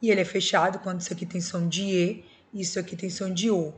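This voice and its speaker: A woman's voice: fairly low pitch, fairly even intonation, fast. A Brazilian woman teaching a Portuguese class, explaining grammar rules step by step and checking in with her students. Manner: explains step by step with tag questions. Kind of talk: recorded school video lesson.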